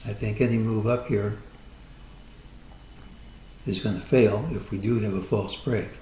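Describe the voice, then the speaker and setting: Low-voiced man forecasting markets, echoey room. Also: fairly even intonation, dark tone, slight background noise. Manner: measured, cautious, hedging. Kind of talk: chart analysis monologue.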